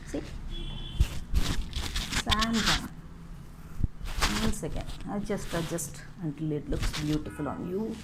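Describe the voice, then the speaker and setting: A woman walks through a hands-on demonstration at an easygoing, slow pace, breaking her instructions into short steps. She often adds a questioning "no?" at the end of a phrase. Clear noise sits behind her voice, with a dog heard now and then. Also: on the low side. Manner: unhurried step-by-step instructions with frequent "no?" tags. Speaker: scarf styling tutorial host. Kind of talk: casual how-to demonstration.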